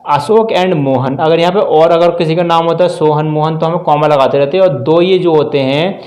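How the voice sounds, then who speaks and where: A man's voice: on the high side, moderate pace, darkish tone. A man teaching a grammar lesson step by step, spelling out words letter by letter and checking in often. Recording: echoey room.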